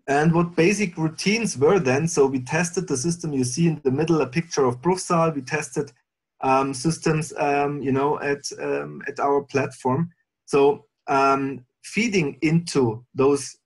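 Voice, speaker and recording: A man giving a panel presentation over a video call, explaining in a measured way with frequent fillers and restarts. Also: mid-range voice, husky. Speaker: panelist presenting for an air taxi company.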